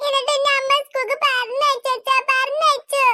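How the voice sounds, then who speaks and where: Cartoon little girl, very high bright squeaky voice, pleading and clingy. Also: little pitch movement, brisk, dry recording, studio quality, exaggerated voice. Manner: pleading, childlike.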